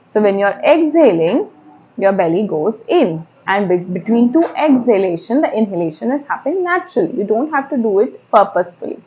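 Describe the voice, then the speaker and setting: A woman's voice: mid-range voice, sing-song, brisk, muffled recording. A woman with an Indian accent giving spoken yoga instruction step by step, repeating and rephrasing key points as she goes.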